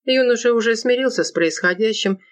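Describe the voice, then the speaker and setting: A woman's voice: a little high, brisk. Woman narrating a wry first-person audiobook.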